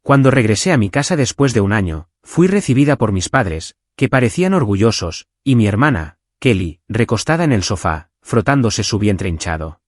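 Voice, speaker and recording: A man narrating a scripted first-person revenge story in an expressive storytelling manner. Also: on the low side, moderate pace, few pauses, dry recording, studio quality.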